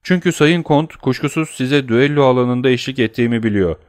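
A man's voice: medium pitch, brisk, no room sound, clean studio sound, close to an everyday voice. A man voicing a deferential male servant, speaking politely and hurriedly to his master. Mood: anxious.

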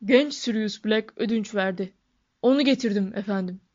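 A woman voicing a huge, soft-hearted male half-giant who speaks loudly, stammers and sobs, in a storybook reading on a dull, lo-fi recording. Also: mid-range voice, moderate pace, close to an everyday voice. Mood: earnest. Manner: loud, stammering, tearful. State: sobbing.

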